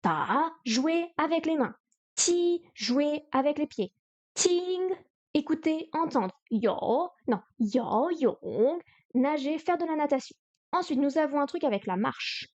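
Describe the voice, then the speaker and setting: A woman streams her study session, drilling words over and over and counting pen strokes under her breath. She talks at an unhurried, slow pace in a fairly high voice. The sound is muffled and lo-fi, like basic stream audio. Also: animated, darkish tone. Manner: repeats vocabulary and counts strokes aloud, chatty self-talk. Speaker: streamer studying Chinese live. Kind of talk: live study stream, thinking aloud.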